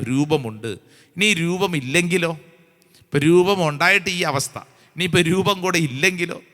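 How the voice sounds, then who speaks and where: Fervent priest preaching in a reverberant hall. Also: male voice, on the high side, pushed and bright. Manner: fervent, repetitive exhortation with rhetorical questions; reads scripture slowly and deliberately. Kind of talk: charismatic retreat sermon.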